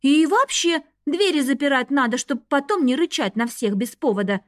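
A woman voicing a bold, stubborn young female student who talks in a lively, insistent way. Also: high-pitched, normal speed, dry recording, clean studio sound, pitched above the performer's own voice.

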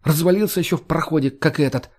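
A man's voice: on the high side, expressive, a little fast, darkish tone, voice pushed up. A brash, foul-mouthed young woman , put on by a male narrator with a raised voice sits above his usual register. She sneers and mocks everyone around her in this audiobook. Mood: mocking, crude. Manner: coarse, mocking, swears constantly.

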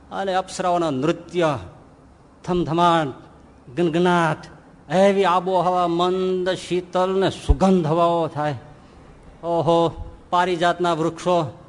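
A man delivers a sermon in a large hall, and his voice rings out with a long reverb. His voice sits high. He tells a comic parable and acts out its characters, building to excited, louder passages. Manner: animated storytelling, acting out characters with rising excitement. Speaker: swami giving a scripture discourse.

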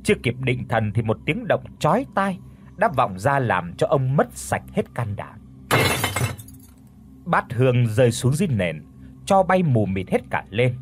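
A man narrating a scripted ghost story audiobook in an animated, dramatic way. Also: mid-range voice, a little slow.

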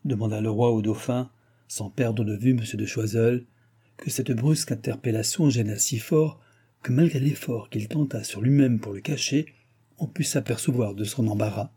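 A man narrating a classic novel in an audiobook, with steady, measured delivery. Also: mid-range voice, breathy edge. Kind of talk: audiobook reading.

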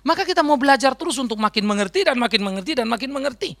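A man preaching a sermon as pastor with an Indonesian accent, lively and acting out the voices he quotes. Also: very high-pitched, rapid-fire, dry recording, studio quality.

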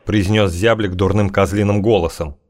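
A man narrating an audiobook in a low voice, measured and wry. He reads steadily and evenly, in a plain storytelling manner. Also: steady tone, darkish tone. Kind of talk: scripted narration.

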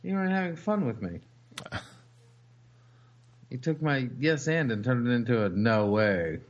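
A young man hosts a podcast in loose, casual chat, rambling and swearing as he goes, his words padded with fillers. His voice sits in an ordinary middle pitch. The recording sounds a little dull and lo-fi. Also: lively intonation, a little slow. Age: young adult. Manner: rambling, profane, lots of fillers. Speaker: podcast host.

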